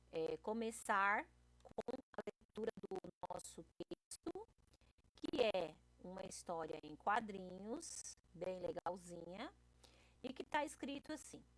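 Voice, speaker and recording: A woman's voice: fairly high pitch, dry recording, poor audio. A woman teacher giving a recorded video lesson to children, patient and explaining step by step, often checking in with them. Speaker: primary school teacher.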